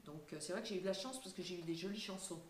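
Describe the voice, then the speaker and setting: A woman's voice: lowish voice, rapid-fire, roomy sound, a little hiss or hum. An older woman being interviewed, talking casually and hesitantly with many fillers and light laughs. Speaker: singer and voice actress, guest.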